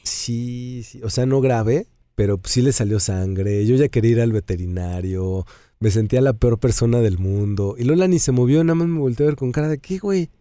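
A man with a Mexican Spanish accent co-hosting a casual chat about dogs, animated and acting out what people say. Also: mid-range voice, normal speed. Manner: animated, acts out quoted dialogue in a raised voice. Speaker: co-host.

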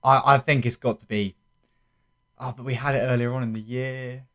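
A young man speaks with a South London accent in an average-pitched voice. He chats casually as the co-host of a sports podcast. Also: level tone, normal speed, fairly bright tone.

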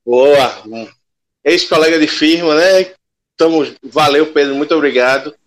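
A man's voice: fairly high pitch, measured pace. A man giving colloquial, emphatic sports commentary as a podcast panelist.

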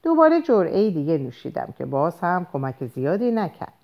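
Woman reading an audiobook out loud, lowish voice, very lively tone, acts out the dialogue. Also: dull audio. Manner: expressive reading, voices dialogue with lifts in pitch. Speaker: audiobook reader. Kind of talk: audiobook narration.

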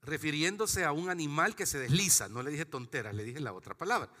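A man's voice: a little high, expressive, a little fast, bright, forceful tone, big-room sound. A man, preaching a sermon as pastor in a conversational, joking way with little acted-out asides. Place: church sanctuary.

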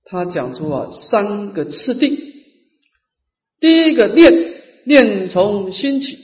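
A man giving a Buddhist dharma lecture. He stresses each numbered point and lets his phrases trail off softly. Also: sits high, distant mic. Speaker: Buddhist teacher. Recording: muffled lecture recording from afar.

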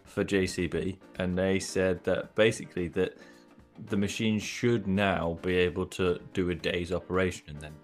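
A man's voice: deep voice, steady tone, moderate pace, faint music behind. A man co-hosting a car podcast in casual chat, rambling and joking with many restarts. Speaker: podcast co-host.

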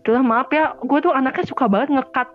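A woman's voice: high voice, quick pace. A young woman with a Jakarta accent chatting casually as a podcast co-host, acting out her own thoughts. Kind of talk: casual chat. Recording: slightly dull lo-fi sound with faint music.

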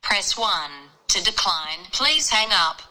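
A woman's voice: mid-range voice, lively intonation, slow pace, noisy background. A woman doing a payphone collect-call recording. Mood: formal. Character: female automated prison collect-call operator. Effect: recorded collect-call announcement played over a phone. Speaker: podcast co-host.

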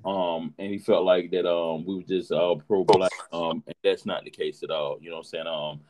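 A man's voice: low-pitched, fairly even intonation, moderate pace, dark tone, slight background noise, poor audio. A man hosting a casual podcast, talking in a laid-back way and often saying "you know what I'm saying". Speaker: podcast host.

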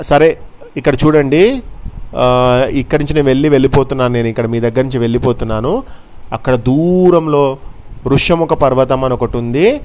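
A man's voice: medium pitch, a little mellow. A man telling a fable casually, explaining it with chatty asides. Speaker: storyteller.

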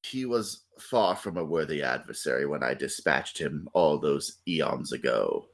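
A man voicing an ancient villainous dark god in a tabletop game, gloating and mocking with slow, theatrical menace. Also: very deep voice, lively intonation, vocal fry, voice pushed down, exaggerated voice.

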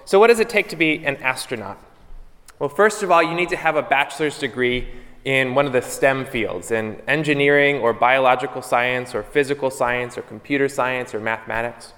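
A man leads a church service as its priest, speaking into a pulpit microphone at an ordinary middle pitch. His delivery is steady and measured. The sound rings out with the long reverb of a church interior. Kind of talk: gospel reading and homily.

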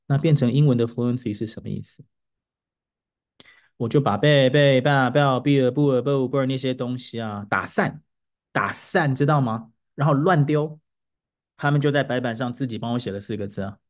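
A male teacher hosts a casual talk show, recounting a classroom moment with growing excitement. He sounds out simple English words to show how intonation shifts, and his voice climbs as the story builds. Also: moderate pace. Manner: animated storytelling, pitch rising as he gets excited; demonstrates English word intonation aloud. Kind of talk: casual podcast monologue.

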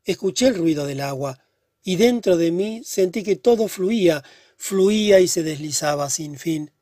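Guy reading a story out loud, kinda high voice but mellow, calm and steady. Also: dry recording, studio quality. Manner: measured, earnest storytelling. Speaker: narrator. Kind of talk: scripted audiobook narration.

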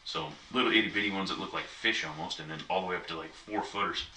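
A man's voice: low-pitched, quick pace, pushed and bright. A man in casual chat, telling a long, easygoing story with many asides. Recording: echoey room, mic at a distance, faint noise.

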